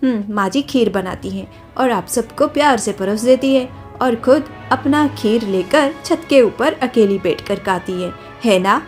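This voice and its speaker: A woman's voice: fairly high pitch, a little slow, few pauses, faint music behind, lightly acted. A young woman voicing a caring, coaxing daughter-in-law in a cartoon story. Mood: sweet.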